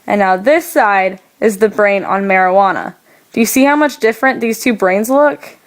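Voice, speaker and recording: A woman's voice: mid-range voice, normal speed, low-quality recording. A young woman acting in a scripted school skit, patiently explaining step by step.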